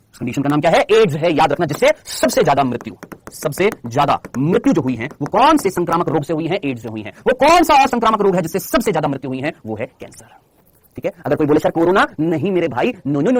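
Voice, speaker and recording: Animated, rapid-fire male teacher. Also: fairly high pitch, no room sound. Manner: chatty, teasing, addresses students as brother and child. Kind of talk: live online class lecture.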